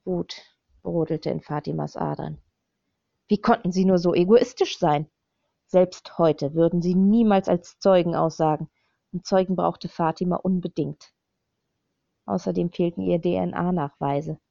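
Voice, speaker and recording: A woman's voice: fairly low pitch, a little slow, vocal fry, no room sound. A woman narrating an audiobook in scripted narration, reading steadily, on a slightly dull, dry recording. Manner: steady, even reading of a dark thriller.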